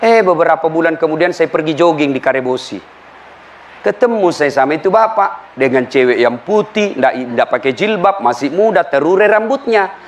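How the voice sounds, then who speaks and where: A man preaching a humorous sermon. He tells lively stories and acts out the voices of the people he quotes. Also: a little high, normal speed, slight background noise. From Indonesia.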